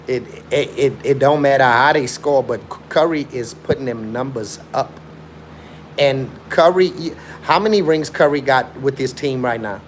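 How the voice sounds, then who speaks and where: With a mid-range voice at normal speed and slight background noise, this young man hosts a laid-back live stream. Born in Chicago but raised in South Africa, he pushes his argument using slang, repetition, and plenty of emphasis.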